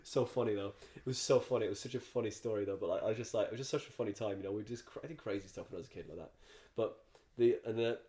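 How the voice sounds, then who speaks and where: A man's voice: lowish voice, rapid-fire, few pauses, warm tone. A man from the countryside, a comedian guest, telling stories in a loose, rambling way with lots of restarts. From Ireland. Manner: rambling, storytelling with many restarts. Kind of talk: casual podcast chat.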